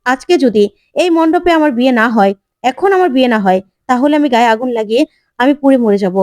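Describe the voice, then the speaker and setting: A woman voicing a stubborn young woman desperate to be married, shrill and insistent. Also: lively intonation, fast talker, darkish tone, dry recording, clean studio sound.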